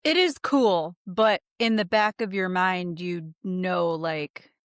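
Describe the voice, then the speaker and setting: A woman's voice: lowish voice, slow, dry recording, clean studio sound. A woman co-hosting a podcast in casual chat, chatty and blunt, with some mild swearing. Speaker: podcast co-host.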